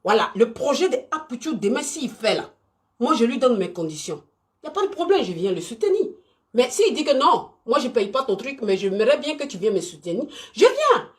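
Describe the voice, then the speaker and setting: Speaking fairly quickly with a fairly high pitch, this Ivorian live stream host addresses her viewers directly in unscripted talk. Her manner is animated, and she repeats herself and stresses points emphatically.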